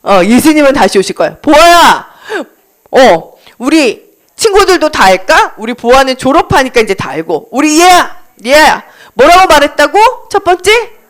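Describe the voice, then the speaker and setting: A woman giving a children's sermon in church, telling the story in a sing-song way, questioning the children and loudly chanting the lines she wants them to repeat. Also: sits high, very animated, moderate pace. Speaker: children's Sunday school teacher. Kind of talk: children's sermon with call-and-response. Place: church service.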